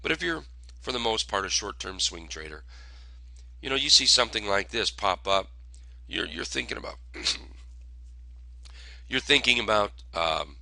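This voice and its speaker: A hoarse man hosting a casual stock-trading commentary, talking haltingly with many fillers. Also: sits low, pushed and bright, no room sound. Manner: halting, filler-heavy delivery. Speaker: host.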